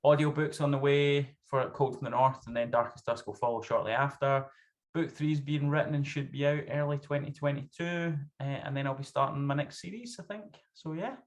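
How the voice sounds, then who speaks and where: A man's voice: mid-range voice, fairly even intonation, fairly quick. A man in his thirties with a thick Scottish accent, chatting casually as a guest author in an interview. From Scotland. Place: small home room, video call. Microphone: video call.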